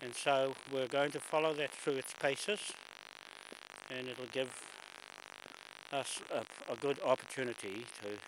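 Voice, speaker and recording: An older man talks slowly while out of breath, filming himself walking outdoors on a bush stairway. His chat rambles and he keeps clearing his throat. The camcorder audio carries a loud, steady hiss. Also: medium pitch. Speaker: vlogger filming a walk. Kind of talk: casual walking commentary. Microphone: handheld camera mic.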